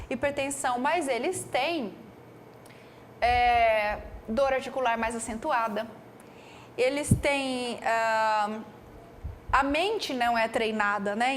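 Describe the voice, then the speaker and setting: Brazilian woman pharmacist lecturer with a high voice and an animated, chatty delivery. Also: a little hiss or hum. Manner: animated, peppers speech with "né" and "tá".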